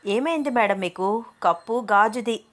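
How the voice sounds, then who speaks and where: A woman's voice: on the high side, unhurried, close to an everyday voice. Woman doing a playful young woman, teasing, bubbly, audio story.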